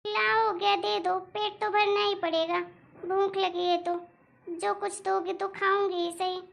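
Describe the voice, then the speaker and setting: A woman's voice: very high voice, flat delivery, measured pace, vocal fry, fairly bright tone, heavily acted. Woman voicing a nagging lying mother-in-law. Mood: scolding. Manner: nagging, complaining, blames others. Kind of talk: animated cartoon voice acting.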